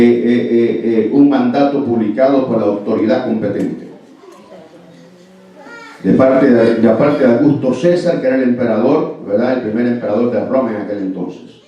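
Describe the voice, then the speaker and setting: This pastor from El Salvador has a warm, medium-pitched voice. He delivers his sermon with emphasis, often tossing in "amén" and "¿verdad?", captured in a muffled, distant church recording full of echo.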